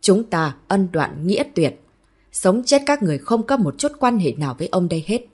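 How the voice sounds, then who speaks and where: A harsh, contemptuous father, cold and loud, as a woman narrator acts him out. The voice sits low and dark. It has a husky grain. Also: sing-song, moderate pace. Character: cruel middle-aged father, cold and harsh.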